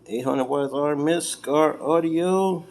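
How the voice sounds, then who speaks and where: A little high and darkish in tone, this American vlogger's voice moves at a measured pace as he unboxes and reviews car audio gear. He chats casually in a folksy, colloquial style over a clearly noisy home recording.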